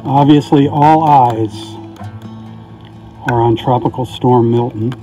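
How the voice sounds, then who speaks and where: Out in the rain, a man gives a casual, folksy beach report, speaking slowly in a steady, dark, mid-range voice while faint music plays behind him. His camera mic sits inside a weatherproof housing, so the audio comes out tinny and muffled. Easygoing throughout, he signs off with blessings.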